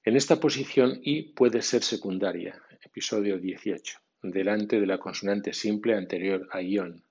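A man teaching English pronunciation in a scripted podcast lesson, reading rules and word lists slowly and deliberately. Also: on the low side, a little mellow, slightly rough, highs cut off.

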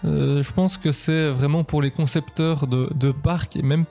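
A man's voice: fairly high pitch, steady tone, measured pace, gravelly, warm tone, soft background music. Chatty man hosting a podcast. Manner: chatty and enthusiastic, full of hesitations. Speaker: podcast host. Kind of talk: casual podcast chat.

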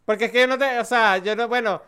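Venezuelan man, thirties, podcast co-host, self-mocking, bright clear voice. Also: very high voice, fairly even intonation, fast. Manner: joking, self-mocking, slangy. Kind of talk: casual chat.

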